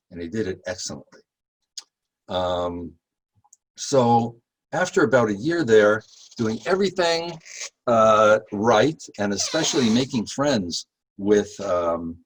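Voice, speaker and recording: A man guiding a history tour, talking casually with many fillers and rising in pitch when he makes a point. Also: husky, rough recording. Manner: chatty, halting with many fillers, rises when emphatic. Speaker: tour guide. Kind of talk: guided history talk.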